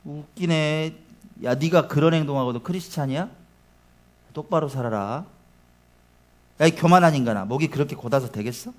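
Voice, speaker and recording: A man's voice: sits high, very animated, unhurried, few pauses, fairly bright tone, voice pushed up, exaggerated voice. A male pastor voicing a sneering, scornful voice of discouragement that taunts and belittles the listener. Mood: mocking.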